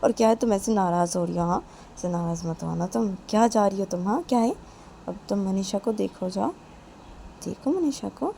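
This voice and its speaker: A woman's voice: medium pitch, normal speed, gravelly, warm tone, slight background noise, lightly acted. A woman voicing a middle-aged father who coaxes and soothes his upset wife. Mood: coaxing.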